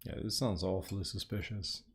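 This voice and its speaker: A man's voice: deep voice, steady tone, fairly quick, gravelly, slightly rough. A man playing in a tabletop game, chatting casually and making wry jokes. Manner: wry, joking asides. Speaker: player.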